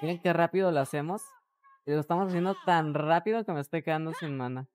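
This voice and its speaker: Low-voiced Mexican woman streamer. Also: fast, a little mellow. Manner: crude, joking, talks to chat. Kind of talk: casual live gameplay commentary.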